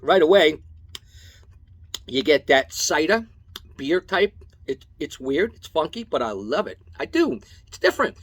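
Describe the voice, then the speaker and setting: A man from Long Island with a fairly high voice, walking viewers through a casual tasting review. He sounds enthusiastic, lists tasting notes one after another and keeps checking in with "okay?" as he goes. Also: sing-song, unhurried, pauses often, a bit bright, husky. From Long Island, New York. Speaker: tequila reviewer.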